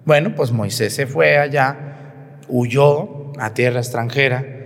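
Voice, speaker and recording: Priest preaching in a ringing church. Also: male voice, medium pitch, slow pace. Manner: storytelling, asking the congregation questions, joking. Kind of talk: homily at Mass. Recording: long church reverb.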